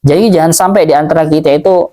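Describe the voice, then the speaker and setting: A male Islamic teacher delivers a religious study lecture, explaining things slowly, repeating phrases and reading Arabic passages aloud. His voice sits fairly high and has a warm tone.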